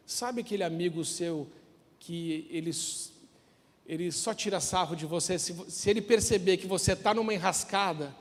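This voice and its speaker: Pastor man preaching, tells stories w/ voices, fairly high voice, long church echo. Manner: storytelling with acted dialogue, jokey then slow and earnest. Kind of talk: sermon.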